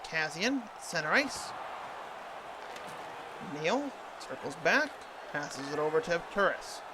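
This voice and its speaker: A man's voice: sits high, background noise. A man calling hockey play-by-play over a video game in the manner of a TV sports announcer. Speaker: sports commentator.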